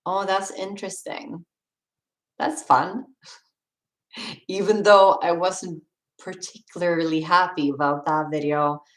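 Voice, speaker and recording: Slow, low-voiced Swedish woman streaming. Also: fairly even intonation, reverberant. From Sweden. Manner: chatty, rambling, laughs often. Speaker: streamer answering viewer questions. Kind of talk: casual live-stream Q&A.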